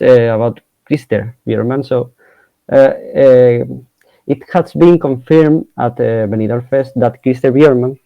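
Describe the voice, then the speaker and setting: A man hosting an interview in halting, courteous non-native English, with many hesitations. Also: medium pitch, gravelly, no echo, dull audio.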